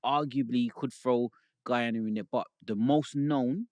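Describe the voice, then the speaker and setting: A man, hosting a relaxed, bantering podcast chat. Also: medium pitch, normal speed, no echo. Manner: relaxed, laid-back banter with laughs. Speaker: podcast host. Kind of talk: casual chat.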